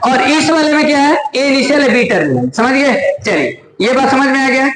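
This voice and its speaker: A man's voice: very high voice, lively intonation, moderate pace, fairly bright tone, slight background noise. A man teaching math to a class, explaining step by step and teasing and scolding students, checking often that they follow. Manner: scolding and joking with students, repeated check-ins. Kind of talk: classroom lecture. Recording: echoey classroom with student chatter.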